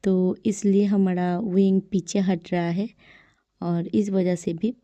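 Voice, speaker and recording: A woman's voice: mid-range voice, little pitch movement, slow pace, mellow, no room sound. A woman casually retelling the story of a romance drama, chatty, with frequent fillers and tag questions. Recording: dull, dry lo-fi recording.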